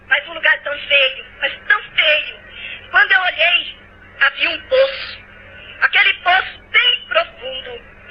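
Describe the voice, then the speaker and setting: A woman with a Brazilian Portuguese accent gives a fervent church testimony, at times tearful, repeating her phrases and calling out to the brothers. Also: very high-pitched. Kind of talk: emotional testimony sermon. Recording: dull lo-fi recording.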